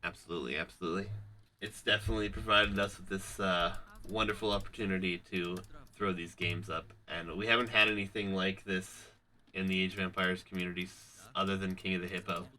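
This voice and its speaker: Guy casting a strategy game live, really bright sharp voice, kinda low, hypes it up. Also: level tone, brisk. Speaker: caster.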